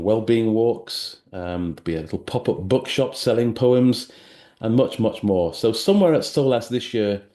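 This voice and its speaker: Low, mellow-voiced man reading poems aloud. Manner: measured, deliberate recitation, slowing on key phrases. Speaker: festival spoken-word programmer. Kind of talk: poetry reading and programme introduction. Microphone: online event microphone.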